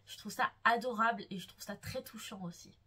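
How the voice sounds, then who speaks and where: A young book vlogger with a slightly high, husky voice and sharp tone talks briskly. She gushes playfully and swoons about her favorite characters, keeping the book talk casual and excited.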